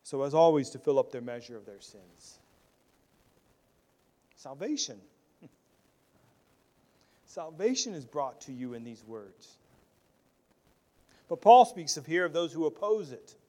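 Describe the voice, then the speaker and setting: Man, pastor, sermon, earnest, restarts and repeats words, loud stresses and soft asides, fairly high voice. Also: very animated, a little slow, pauses often.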